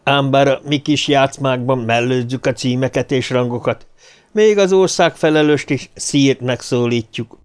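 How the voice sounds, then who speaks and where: A man's voice: medium pitch, clear, resonant tone, lightly acted. A man voicing a hearty, gray-haired male army colonel who talks boisterously, in an audiobook. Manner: boisterous, exclaiming.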